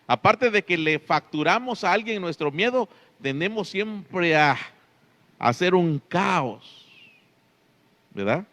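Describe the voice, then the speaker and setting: A man's voice: sits high, lively intonation, slow pace, long pauses, fairly bright tone. A man preaching a Sunday sermon as pastor, stressing key words and often asking his listeners "right?". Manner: emphatic, drawing out key words, frequent tag questions.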